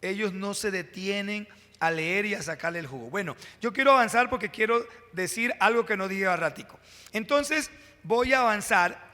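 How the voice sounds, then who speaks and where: A high, bright male voice, preaching to his congregation. He pushes key words with rising emphasis and drops into pauses and direct asides. The sound rings with a long church reverb. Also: animated. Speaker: pastor. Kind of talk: sermon. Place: church sanctuary.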